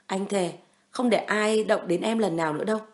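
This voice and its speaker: A woman's voice: medium pitch, fairly quick, lightly acted. A protective young hero in a romance audiobook, read by a woman narrator in her own voice. He speaks firmly and soothingly, tender with his beloved, cold and threatening toward enemies. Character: protective young man, tender yet menacing.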